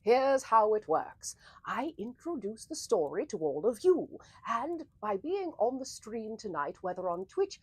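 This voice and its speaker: A woman hosting an interactive story livestream in a theatrical, flowery old-fashioned manner, with a breathy voice. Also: fairly high pitch, big pitch swings, a little slow, hardly any pauses, darkish tone.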